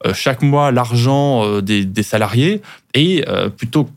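A man's voice: medium pitch, lively intonation, measured pace. A man who is a lawyer, guest on a podcast, explaining things at length with frequent restarts.

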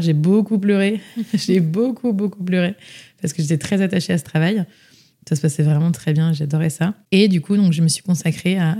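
A woman's voice: sits low, dark tone. A young woman from France telling her personal story as an interview guest, chatty, with many fillers and restarts. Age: young adult.

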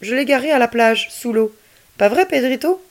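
A carefree alien boy, as a woman reads him aloud, speaking a little higher than an ordinary grown voice. He sounds playful and completely unruffled, as in a storybook read for children. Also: animated, moderate pace. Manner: playful, unruffled, laughing easily. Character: cheerful calm alien boy.

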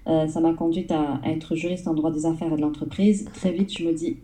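Mellow-voiced woman guest, dark tone. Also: low voice, steady tone, fairly quick, a little hiss or hum, low-quality recording. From southern France. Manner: hesitant, many fillers, storytelling. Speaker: guest entrepreneur. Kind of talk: casual interview.

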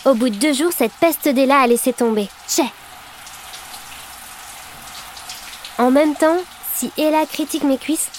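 An actress voicing a lively twelve-year-old schoolgirl who narrates a podcast in an audio drama, talking straight to the listener. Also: high voice, slight background noise, close to an everyday voice. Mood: musing. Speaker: podcast host in a story.

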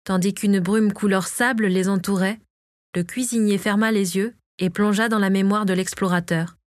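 Woman, audiobook narration, steady measured delivery, dead-dry sound. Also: mid-range voice, dry recording.

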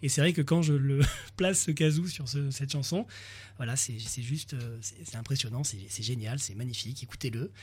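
A man's voice: medium pitch, steady tone, brisk, slight background noise. A man chatting as a radio guest about his ukulele videos, with many fillers and restarts. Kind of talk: radio chat.

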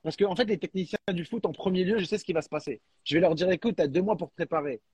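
A man talking in a casual chat as a guest, animated and slangy, often restarting and repeating words. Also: high-pitched, fast, husky, dry recording. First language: French. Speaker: guest, freestyle football creator.

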